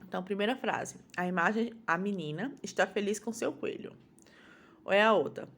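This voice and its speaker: A woman with a Brazilian Portuguese accent teaching a phonics lesson to young children, patiently sounding out syllables one at a time. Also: medium pitch.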